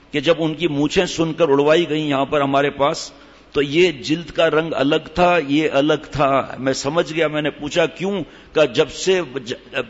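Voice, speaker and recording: A man giving a sermon in a scolding, emphatic way, reciting Arabic verses slowly. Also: a little high, big-room sound, highs cut off. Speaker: preacher.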